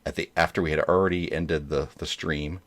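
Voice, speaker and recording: Deep-voiced man rambling in casual chat. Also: steady tone, fairly quick. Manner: hesitant, rambling. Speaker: host of a dad joke show.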